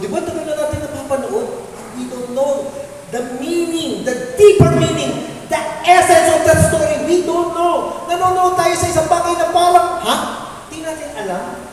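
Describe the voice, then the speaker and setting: A man's voice: very high voice, slight background noise. A middle-aged man, preaching to a prayer meeting and quizzing the crowd with questions. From Philippines. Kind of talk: lively preaching to a congregation. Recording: echoey hall, voice from far off.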